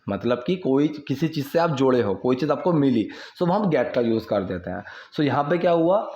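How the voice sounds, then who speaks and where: Man slowly teaching English sentences, echoey. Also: a little high, a little mellow. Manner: repeats English lines slowly, checks in with questions. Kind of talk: explaining English sentences to learners. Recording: echoey lo-fi room sound.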